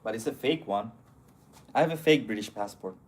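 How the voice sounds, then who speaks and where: Outdoors on city streets, a man with a lowish voice talks a little fast on a casual live stream, and the audio is poor. He answers viewer comments bluntly, profanely, and argumentatively.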